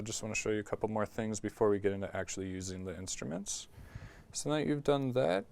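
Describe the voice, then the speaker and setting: Speaking into a talkback mic in his studio, this medium-pitched man with vocal fry gives a laid-back music production tutorial. Fillers pile up, with "like" and "um" coming constantly.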